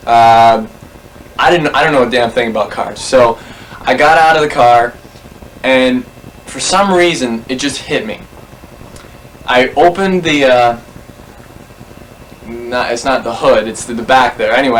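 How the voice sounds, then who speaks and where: A man's voice: mid-range voice, fairly bright tone, a little hiss or hum, low-quality recording. Rambling man telling a road story. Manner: rambling, self-correcting storyteller. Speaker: interviewee. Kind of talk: anecdote told to camera.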